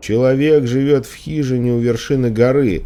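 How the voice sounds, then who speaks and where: A man's voice: medium pitch, steady tone, moderate pace, dark tone, voice pushed up, lightly acted. A man reading an audiobook, voicing a hostile bearded hermit who barks insistent warnings. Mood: shouting. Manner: barking, insistent.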